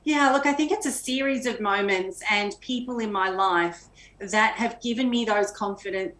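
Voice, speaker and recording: A middle-aged woman speaks as an interview guest, reflective and sincere as she tells her story. She is on a video call from a room at home, and the sound is roomy and echoey. Her voice sits at a medium pitch. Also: normal speed, fairly bright tone, slight background noise. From Australia. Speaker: guest, magazine editor. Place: home room with flowers and shelves.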